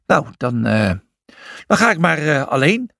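A man's voice: fairly high pitch, very animated, measured pace, vocal fry, fairly bright tone, no room sound, studio quality, exaggerated voice. A man voicing Julius, a young hoofed animal who is nervous and hesitant, stammering as he speaks in a storybook reading.

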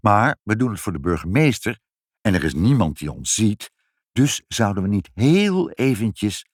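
A kindly, fussing father from a storybook, as a male reader plays him, coaxing and gentle. His voice moves up and down lively, in a dry, close sound. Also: on the low side, a little slow, no room sound. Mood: practical.

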